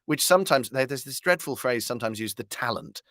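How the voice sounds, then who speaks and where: Animated and brisk, a male voice actor answers interview questions in a mid-range, slightly bright voice, wordy and eloquent with fanciful expressions. It's a conversational interview in clean studio sound with no room tone.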